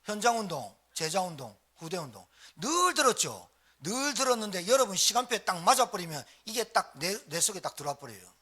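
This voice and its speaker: A male pastor delivers a live sermon in a church sanctuary, his high, husky voice very animated, pushed, and bright. He talks fairly quickly with few pauses, exhorting the congregation through short repeated phrases and calls for response.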